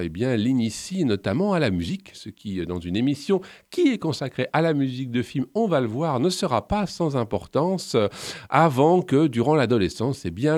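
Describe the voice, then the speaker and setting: A man's voice: mid-range voice, no echo, clean studio sound. A man hosting a radio show about film music, playful and digressive, with jokes and asides. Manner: playful, digressive, lively delivery. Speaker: radio host.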